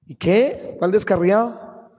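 Colombian male pastor, humorous sermon, bright high voice, long hall reverb. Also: slow, slightly rough, muffled recording. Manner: lively, humorous, rising to shouts.

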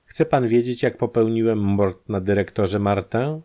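A man voicing a secretive, resigned prisoner who answers tersely and calmly in an audiobook. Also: fairly low pitch, unhurried, natural voice. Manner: terse and calm.

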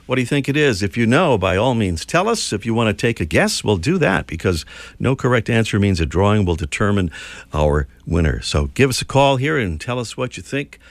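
A man's voice: fairly low pitch, very animated, fairly quick, no room sound. A man hosting a radio show about birds with a jokey, easygoing manner. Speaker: radio host.

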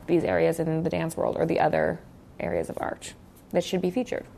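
A young woman hosts a loose podcast conversation, talking in a chatty way with plenty of "like" fillers. Her voice has a gravelly, fry-laden edge. A faint hum sits underneath the recording. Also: sits low, big pitch swings, brisk, mellow. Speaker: podcast host. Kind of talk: casual interview chat.

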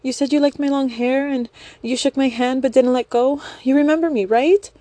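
A woman's voice: high-pitched, steady tone, moderate pace, mellow, no echo, pitched above the performer's own voice, natural voice. A woman voicing an obsessive young female fan in a story, whiny, pleading and jealous, stammering as she talks. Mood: desperate pleading.

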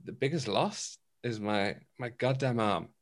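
A man's voice: mid-range voice, measured pace. A man, chatting on a video call from his home office, chatty and self-mocking. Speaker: freelancer on a community call. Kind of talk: casual chat.

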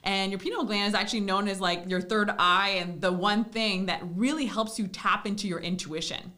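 A woman's voice: medium pitch, steady tone, moderate pace, pushed and bright. Chatty upbeat woman hosting a podcast. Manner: chatty, upbeat, full of fillers and tag questions. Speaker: podcast host. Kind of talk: casual interview chat.

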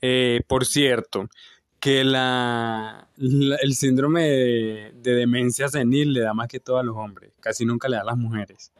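A man's voice: medium pitch, fairly even intonation, a little slow, dry recording. Young man, casual podcast chat, rambling with fillers, dry close sound. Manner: rambling storyteller with many fillers and restarts, laughs often. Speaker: podcast co-host.

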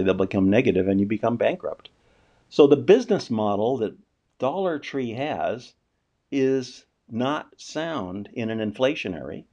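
A man's voice: mid-range voice, vocal fry, darkish tone. A man giving a casual, unscripted economic commentary, asking rhetorical questions and often restarting his sentences. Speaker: finance commentator.

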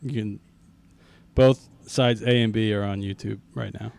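A man's voice: lowish voice, steady tone, unhurried, vocal fry, a little mellow. A man co-hosting a casual podcast who chimes in with trivia and corrections. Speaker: podcast co-host.

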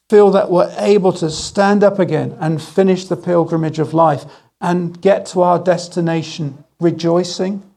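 A middle-aged man preaching a sermon, telling stories with gentle humour and slowing down on key phrases. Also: sits high, gravelly. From England. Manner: storytelling with gentle humour, slow emphatic phrases. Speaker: guest speaker.

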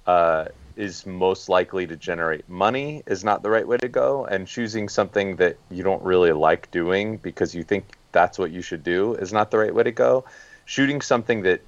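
A man's voice: sits low, no room sound, muffled recording. A man speaking as a guest photojournalist on a podcast, plain and practical with some fillers. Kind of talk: casual podcast talk.

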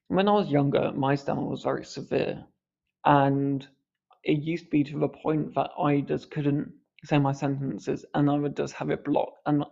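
A podcast host offers reflective commentary, speaking earnestly with a mild stammer on the odd word. His voice is fairly high-pitched with vocal fry and a darkish tone, and the audio is dull.

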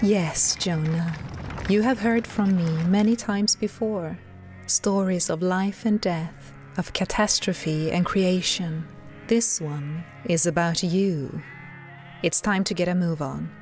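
A woman's voice: fairly low pitch, takes it slowly, darkish tone, soft background music. A woman playing a disembodied, commanding voice of God who narrates and coaxes in an audio drama. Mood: commanding, exasperated.

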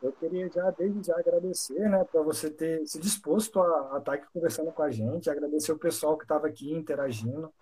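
A man hosts a live stream in a mellow, slightly husky voice. He is a psychology student and speaks in a gentle, courteous way. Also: a little high, fairly quick, few pauses, poor audio. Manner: gentle, grateful, polite wrap-up. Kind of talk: casual live-stream interview.

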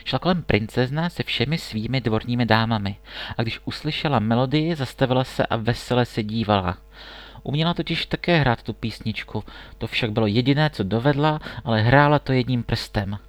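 Calm man reading a fairy tale. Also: mid-range voice, dry recording. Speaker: narrator. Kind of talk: storybook reading.

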